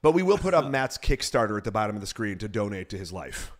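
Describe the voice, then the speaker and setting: A man's voice: lowish voice, sing-song, quick pace. A man hosting a podcast, teasing his guest in a dry, casual way. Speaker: podcast host. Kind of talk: casual comedic chat.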